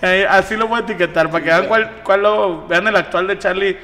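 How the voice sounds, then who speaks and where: A man's voice: high-pitched, steady tone, fairly quick, sharp tone, big-room sound. A man with a Mexican accent hosting a podcast, teasing his guests in casual banter. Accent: Mexican Spanish. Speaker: podcast host. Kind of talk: casual chat.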